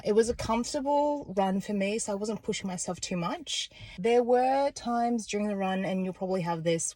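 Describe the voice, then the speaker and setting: A woman's voice: medium pitch, no room sound, poor audio. Upbeat woman vlogging her running. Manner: chatty, upbeat and self-encouraging. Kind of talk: casual vlog chat to camera. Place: outdoors and in a car after a run.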